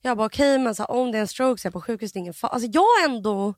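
A woman's voice: on the high side, lively intonation, no echo, clean studio sound. A young woman co-hosting a podcast, telling a story animatedly with lots of fillers and acted-out quotes. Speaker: podcast co-host.

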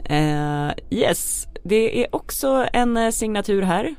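Gravelly-voiced woman hosting a podcast. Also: medium pitch, animated, a little mellow. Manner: laughs often, upbeat. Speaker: podcast host. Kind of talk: casual podcast chat.

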